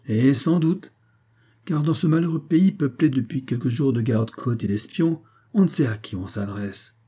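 A man voicing a calm, good-humoured aristocrat in a read-aloud story, speaking with light, wry amusement. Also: mid-range voice, moderate pace, husky, voice pushed up, close to an everyday voice. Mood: confiding.

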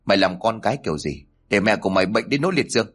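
A man reading aloud, voicing a gruff older uncle in a family storybook tale who speaks bluntly and scolds. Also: on the low side, lively intonation, racing, fairly bright tone. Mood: scornful. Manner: scolding, curt.

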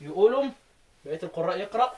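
A man with an Egyptian accent teaching a Quran recitation lesson, quizzing his students and chanting verse lines slowly before explaining them. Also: high-pitched, expressive, a little mellow.

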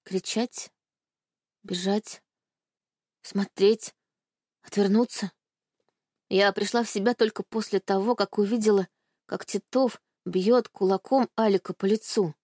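A woman's voice: medium pitch, steady tone, measured pace, pauses often, dark tone, dry recording. Woman reading a tense novel, dry sound. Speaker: audiobook narrator. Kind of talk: first-person novel narration.

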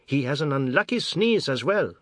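A man voicing a furious, scolding old village grandmother in a storybook reading, shrill and sharp-tongued. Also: lively intonation, moderate pace, no echo, studio quality.

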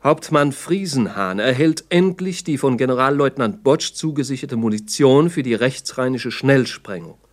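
Reading scripted documentary-style radio drama, this medium-voiced male narrator sounds like an official report from the 1960s: sober and factual. Still, his intonation is lively, his speed normal, and he pauses little.

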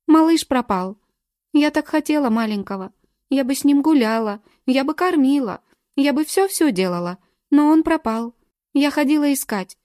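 A tearful, childlike grown woman who speaks in a high, thin voice and cries out her words in an audiobook, as a woman reads her out. The tone is dark and mellow, and the sound is dry and close. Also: animated, normal speed, no echo. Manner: high, thin, weepy and exclaiming. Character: childlike, tearful grown woman, simple-minded younger sister. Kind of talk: audiobook character reading.

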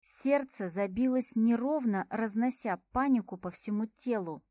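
A woman reading a first-person audiobook in a measured, tense way. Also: fairly high pitch, warm tone, no room sound, studio quality. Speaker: audiobook narrator.

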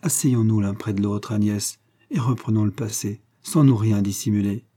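A man voicing a grave, lovesick colonel in an audiobook, passionate and earnest. His voice is dark and husky, low in brightness, with a mellow warmth. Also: moderate pace, natural voice. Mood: wistful.

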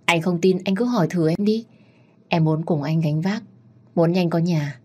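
A woman reading the lines of a cheerful, chatty young wife in a storybook tale, with a husky voice. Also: on the low side, moderate pace, a little mellow. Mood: cheerful eager.

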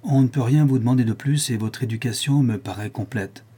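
A man's voice: medium pitch, brisk, warm tone, breathy edge, natural voice. A man voicing a proud, domineering count of seventy-three who speaks in a solemn, dry and harsh tone. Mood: approving.

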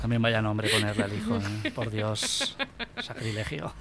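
A man's voice: fairly low pitch, big pitch swings, unhurried. A man hosting a radio comedy show, telling jokes and reading odd news items with his co-hosts. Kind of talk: joke-telling radio banter. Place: radio studio. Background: music.

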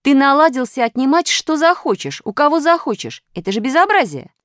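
A woman's voice: sits high, sing-song, a little fast, dry recording, studio quality, pitched above the performer's own voice. A woman voicing an indignant female digit five scolding in an audiobook.

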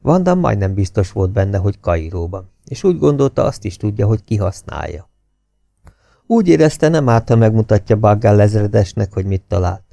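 A man narrating a novel as an audiobook reader in a steady, expressive reading style. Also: fairly low pitch, vocal fry, no room sound.

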